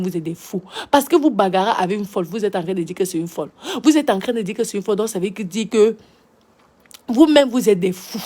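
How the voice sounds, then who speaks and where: A woman's voice: mid-range voice, a little mellow. Woman scolding in Cameroonian French. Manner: scolding, repetitive, rhetorical questions with "hein?". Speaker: social media commentator. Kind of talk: impassioned live-video monologue.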